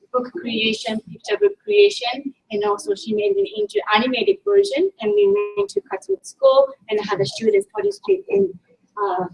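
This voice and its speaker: A middle-aged woman, a native Japanese speaker with a Japanese accent, gives an informal conference presentation as a linguistics teacher, often searching for words. Her voice is very high with vocal fry. The room is echoey, the mic distant, with faint noise.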